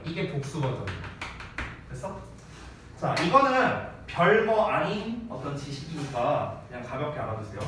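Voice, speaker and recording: A male English teacher lectures on grammar in a very echoey classroom, wearing a mask and picked up from some distance, off-mic with faint ambience and background noise. His voice is somewhat high and very animated. He is casual and playful, slipping between polite and informal speech.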